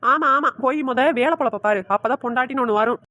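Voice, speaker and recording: A woman's voice: quick pace, pushed and bright. A woman voicing a nagging, sarcastic middle-aged mother-in-law in a cartoon. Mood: grumbling. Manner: scolding, sarcastic, shrill. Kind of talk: cartoon voice acting.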